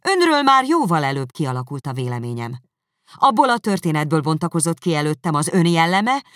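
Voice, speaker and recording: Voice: mid-range voice, fairly bright tone, no room sound, studio quality, pitched above the performer's own voice. Elizabeth, a reader voicing a fierce indignant young woman. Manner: heated, accusing, emphatic. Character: indignant young woman, proud and sharp-tongued. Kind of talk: audiobook character reading.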